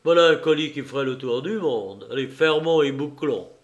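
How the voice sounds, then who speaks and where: A man reading an audiobook, voicing a cool, commanding gentleman burglar who gives brisk, ironic orders, a little higher and louder than his narration. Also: animated, highs cut off, lightly acted. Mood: mocking. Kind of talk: audiobook character voice.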